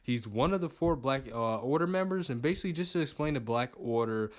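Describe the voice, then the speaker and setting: A man's voice: medium pitch, lively intonation, fairly quick. A man hosting a movie news video, talking casually and rambling, with lots of repeated words and fillers.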